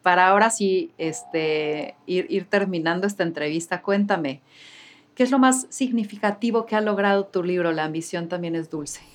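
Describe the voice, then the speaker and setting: A woman's voice: on the low side, normal speed. A woman interviewing a guest, friendly, asking questions and affirming her answers. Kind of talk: casual interview chat.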